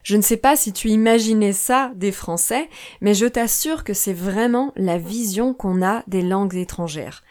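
A young French woman hosting a podcast for language learners, speaking in slow, clear, scripted narration. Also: mid-range voice, a little mellow. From France. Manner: slow, clear, careful delivery. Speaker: podcast host, French teacher.

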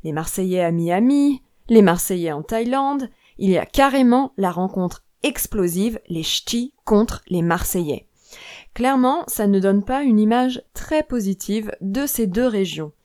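Clear-spoken French teacher woman. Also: medium pitch, lively intonation, a little mellow. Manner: clear, measured and explanatory. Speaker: French teacher and podcast host. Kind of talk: scripted podcast lesson.

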